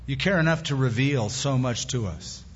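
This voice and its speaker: A man's voice: medium pitch, expressive, normal speed, fairly bright tone, slightly rough. A man preaching a sermon as pastor at a pulpit microphone in a church sanctuary, talking in a conversational way with plain-spoken asides. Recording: echoey hall, dull lo-fi sound.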